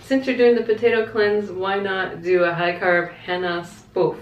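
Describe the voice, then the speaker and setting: A woman's voice: medium pitch, level tone, a little slow, lo-fi sound, a little hiss or hum. A woman vlogger chatting casually to camera and answering viewer questions in a candid, reflective, conversational way. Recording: echoey, roomy sound.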